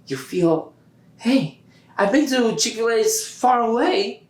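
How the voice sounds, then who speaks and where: A man's voice: very high-pitched, animated, takes it slowly. A man talking as a guest on a casual podcast, emphatic and repeating key words, often laughing. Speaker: podcast guest, business owner. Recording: roomy echoey room.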